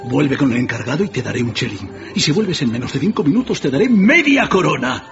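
A male actor in a radio drama plays a repentant old miser, excitable and fervent, delighted, emotional and exclamatory, repeating words. His brisk, sing-song voice swings widely in pitch. The band-limited recording sounds dull, with music clearly underneath.

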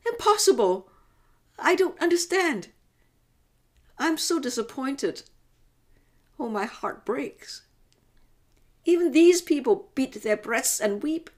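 Woman acting a slow, grieving biblical mother. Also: sits high, lively intonation. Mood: bewildered anguish. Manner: slow, emotive, pleading delivery. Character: grieving middle-aged mother Mary watching her son crucified, anguished, devout. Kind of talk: dramatic religious monologue.

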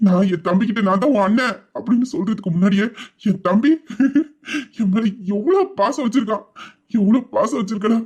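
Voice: mid-range voice, a little fast, darkish tone, close to an everyday voice. Audio drama: performer as a devoted elder brother, tearful and repetitive. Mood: tender, emotional. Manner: tearful, pleading, repeating phrases. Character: loving elder brother, young man, emotional. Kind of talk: amateur Tamil audio drama.

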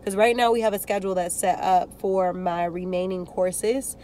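A woman's voice: mid-range voice, steady tone, moderate pace, dark tone, slight background noise. A young woman chatting casually to a phone camera on the dashboard while sitting in a parked car, rambling and upbeat. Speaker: vlogger. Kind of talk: casual vlog talk to camera. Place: parked car, indoors of vehicle.

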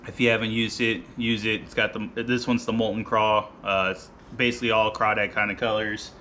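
Thirties male vlogger, bright tone, loose rambling delivery, close camera mic in a garage, faint hum. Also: on the low side, brisk. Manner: relaxed, rambling, many ums and uhs. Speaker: fishing vlogger. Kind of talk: casual gear walkthrough. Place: garage, seated by boat gear.

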